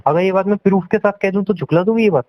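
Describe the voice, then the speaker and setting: On a dull lo-fi phone recording without echo, a young man talks rapid-fire in a high voice. He is in a heated relationship argument in casual Hindi-English, scolding, accusing, and going over the same points again and again.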